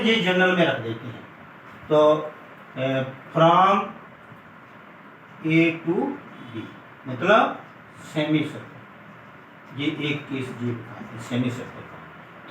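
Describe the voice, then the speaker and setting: With a voice on the high side and a fairly bright tone, a male physics lecturer teaches at a classroom board, breaking things down step by step, dropping in English terms and calling students "beta". The audio is echoey and distant, with faint noise.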